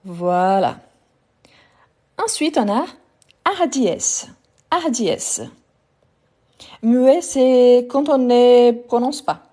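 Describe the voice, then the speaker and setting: A woman's voice: a little high, slow pace, mellow. A woman teaching a live online French lesson, patiently repeating each word to drill pronunciation and speaking directly to her viewers.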